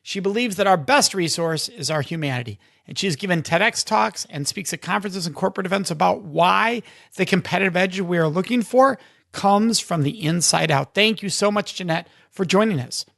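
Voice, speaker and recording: High-voiced gravelly podcast host. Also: male voice, normal speed, a bit bright, no room sound, clean studio sound. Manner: friendly, scripted intro then chatty. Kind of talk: podcast interview hosting.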